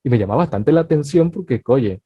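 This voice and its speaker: Dry, husky-voiced Venezuelan podcast host. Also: male voice, medium pitch, fast talker, no echo. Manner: conversational, many fillers, animated asides. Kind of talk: casual podcast interview. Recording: dull, dry, slightly lo-fi.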